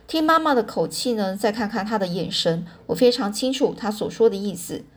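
A woman reading a children's novel aloud in a chatty way, pausing to explain words and correcting herself. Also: medium pitch, expressive. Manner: pauses to explain words to listeners; chatty fillers, self-corrections. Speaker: storyteller.

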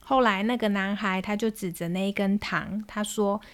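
A woman in her thirties with a Taiwanese Mandarin accent hosts a parenting podcast. She tells a story gently and reflectively, her voice at an ordinary middle pitch. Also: fairly even intonation, moderate pace.

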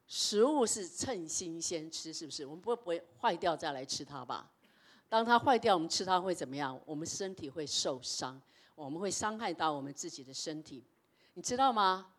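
A middle-aged woman pastor, preaching a sermon and telling personal stories, swinging between loud emphasis and hushed tones. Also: on the low side.

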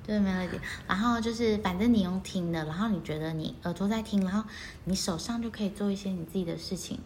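A woman's voice: mid-range voice, quick pace, a little mellow, slight background noise. A woman, chatting casually as a co-host and laughing often. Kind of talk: casual chat.

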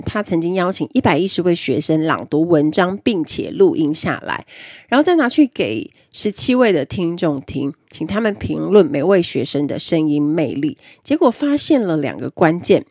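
A woman's voice: lowish voice, darkish tone, slightly rough, dry recording, clean studio sound. A woman presenting an instructional talk on speaking skills, explaining step by step and stressing key words in her lists. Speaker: self-improvement presenter.

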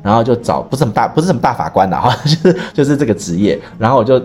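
A man hosts a podcast and tells a personal story in quick, tumbling speech. His pitch swings widely and he keeps restarting his sentences. Faint music sits under his voice. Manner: animated, rambling with many restarts. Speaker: podcast host. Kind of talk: casual storytelling chat.

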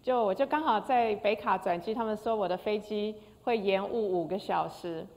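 A woman's voice: medium pitch, normal speed, a little mellow. An older woman, a concert pianist, giving an emotional personal testimony with frequent hesitations. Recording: long hall reverb.

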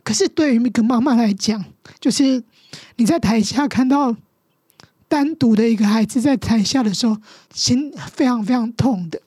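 A woman's voice: fairly high pitch, dark tone, husky, no echo, studio quality. A middle-aged woman with a Taiwanese Mandarin accent, a guest telling a painful story with passion and strong emotion. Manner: impassioned, emotional, quick to act out scenes. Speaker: guest, teacher and mother. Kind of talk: podcast interview storytelling.

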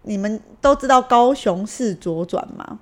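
A young woman with a Taiwanese Mandarin accent, co-hosting a casual podcast and telling a story in an animated way, acting out the dialogue. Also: on the high side, moderate pace. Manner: animated, acts out quoted dialogue. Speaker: podcast co-host.

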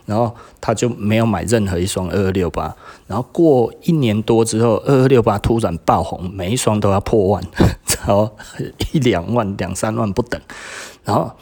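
With a low, slightly breathy voice and a moderate pace, a middle-aged man with a Taiwanese Mandarin accent hosts a casual podcast and runs a shop. He's talkative, laughs frequently, and quotes people in energetic bursts.

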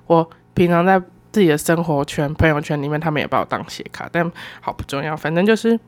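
Young woman with a Taiwanese Mandarin accent, solo podcast host; lower-pitched, animated and self-mocking delivery. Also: fast talker. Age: 20s. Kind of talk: casual solo storytelling.

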